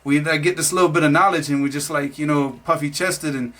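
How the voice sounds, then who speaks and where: A man's voice: fairly high pitch, steady tone, a little fast, fairly bright tone. A man from Florida telling his own life story in a casual, rambling way, full of fillers and restarts. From Florida, USA. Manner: rambling, many fillers and restarts, laughs at himself.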